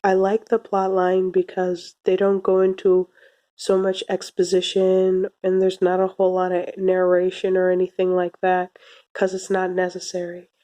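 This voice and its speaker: A young woman with a soft, slightly cracking voice as she recovers from illness, giving a casual, laid-back review to camera in a small room. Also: on the low side, completely flat delivery, normal speed. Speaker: video reviewer. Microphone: phone or webcam at arm's length.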